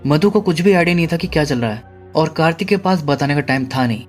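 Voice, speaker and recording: A man's voice: a little high, fast, faint music behind. A man narrating a horror movie recap, steadily retelling the plot and paraphrasing the characters' lines. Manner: steady storytelling, paraphrasing dialogue. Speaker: movie explainer.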